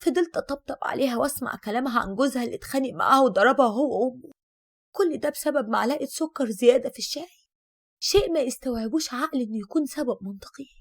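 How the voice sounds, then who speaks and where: A woman in her thirties with an Egyptian accent narrates a first-person drama, her voice high and her delivery quick. She confides emotionally, as if telling a friend. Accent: Egyptian Arabic. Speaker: storyteller.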